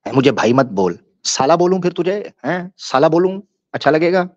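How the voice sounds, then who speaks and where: Taunting man, lively pitch. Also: moderate pace, no room sound. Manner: taunting, mocking and crude. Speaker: religious debater hosting a live stream. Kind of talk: combative live-stream rant. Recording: dull lo-fi stream audio.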